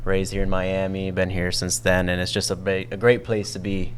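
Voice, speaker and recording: A young man, a college student, talking casually as a podcast guest in relaxed run-on sentences. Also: deep voice, normal speed, a little hiss or hum. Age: young adult. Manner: relaxed, run-on talk with you know. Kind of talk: casual interview answers. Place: media studio.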